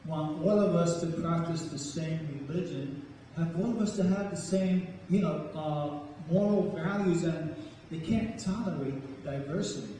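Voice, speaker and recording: A male spoken word poet and storyteller, high-voiced with a dark tone, delivers slow, dramatic poetry and talk to a live audience. The large echoing hall and distant microphone add reverb and faint noise.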